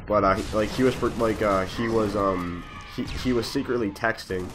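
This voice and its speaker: A man's voice: on the low side, moderate pace, music in the background. Rambling young man telling a story. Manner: rambling, many fillers and restarts. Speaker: gaming channel host. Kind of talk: casual storytelling over gameplay.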